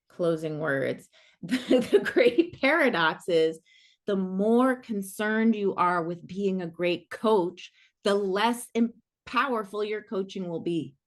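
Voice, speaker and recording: A middle-aged woman, a coach leading an online workshop, talking in a casual, animated and playful way. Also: mid-range voice. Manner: animated and playful, many fillers like "like".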